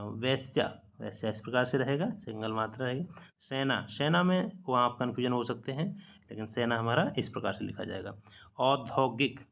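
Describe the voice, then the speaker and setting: A man's voice: mid-range voice, vocal fry, dull audio. A man teaching a spelling lesson from slides, patiently repeating each correct word and mixing English words into his explanations. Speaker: exam-prep teacher.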